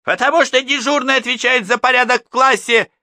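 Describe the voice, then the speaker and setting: A loud, piercing schoolteacher woman, pitched far up and squealing at the parents. Her indignant, shrill voice has a bright, sharp edge, sounding close and dry, as a male reader puts her on. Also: expressive, normal speed, dry recording. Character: shrill indignant female schoolteacher, middle-aged. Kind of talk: audiobook character voice.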